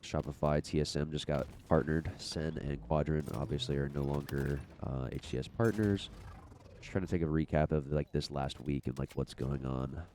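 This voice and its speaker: A young man with a stuffy, cold-congested voice rambles through an unedited, podcast-style chat about his gaming channel, full of fillers and restarts. His voice is rumbling and low, with a steady, dark tone at normal speed, and there's a little hiss or hum in the background.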